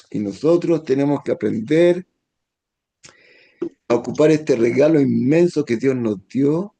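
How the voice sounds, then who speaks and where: A man, a rabbi, teaching a Torah lesson in a gentle tone, now and then acting out the voices he quotes. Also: medium pitch, gravelly.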